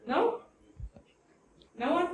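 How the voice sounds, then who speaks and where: A woman working as a tour guide, talking informally and a little haltingly to a small group as she explains things inside a house. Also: extremely high pitch, big pitch swings. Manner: conversational, halting, loosely explanatory. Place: indoors in a house parlor. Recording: roomy echo, distant mic, background noise.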